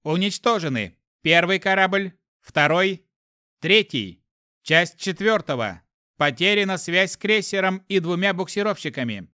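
A cold, detached onboard ship computer, put on by a man reading an audiobook, reports in a flat, emotionless tone. It sits higher and louder than the reader's own voice. The recording is dry and close. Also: a little slow, no room sound, full character voice. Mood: cold, announcing.

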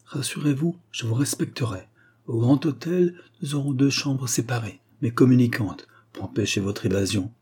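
A man's voice: mid-range voice, normal speed, darkish tone, husky, close to an everyday voice. A man reading a spy novel aloud and voicing a cold, implacable male spy who gives orders in a menacing, commanding way.

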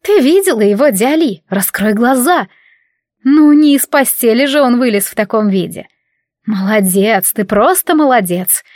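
A woman voicing a blunt, exasperated female housemate who talks in a sharp, scolding way, in a storybook reading. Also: a little high, big pitch swings, moderate pace, hardly any pauses, no echo, studio quality.

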